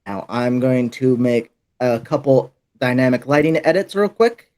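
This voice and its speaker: A man running a tabletop role-playing game as dungeon master, narrating at an unhurried pace. His pitch rises and falls a lot as he describes the scene, and he pauses on fillers between phrases. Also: lively intonation, a little mellow.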